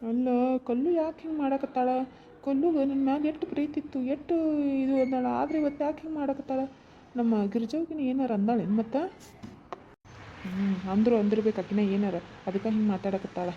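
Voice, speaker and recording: A woman's voice: sits high, steady tone, brisk, a little hiss or hum, natural voice. A woman voicing a worried middle-aged village man with a North Karnataka accent, polite and muttering to himself in a cartoon. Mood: brooding. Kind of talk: cartoon comedy voice acting. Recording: dull lo-fi voice track.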